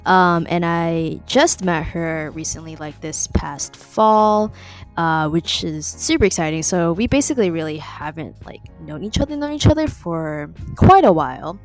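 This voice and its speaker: A young Californian woman hosts a casual podcast interview, chatty and full of "um" and "like," laughing between phrases. Her fairly low voice is animated and unhurried, with faint music in the background.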